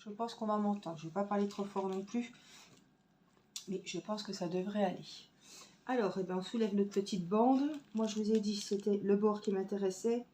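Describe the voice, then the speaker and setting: A woman's voice: medium pitch, steady tone, normal speed, mellow, slight background noise. A woman vlogging at home, chatting casually to viewers as she crafts, thinking aloud with fillers, recorded on a phone camera. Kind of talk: casual tutorial chat while crafting. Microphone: phone camera on a stand.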